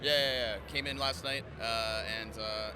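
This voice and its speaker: A man's voice: medium pitch, fairly even intonation, moderate pace, over music. A man answering casually as one of a group in a red carpet interview. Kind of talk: casual banter. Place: red carpet at an awards event. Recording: noisy red carpet, off mic.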